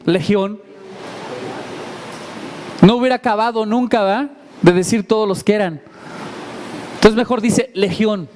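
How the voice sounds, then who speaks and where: High-voiced preacher telling stories. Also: male voice, darkish tone, a little hiss or hum. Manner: vivid storytelling, asks the congregation questions. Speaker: pastor. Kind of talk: sermon. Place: church service before a congregation.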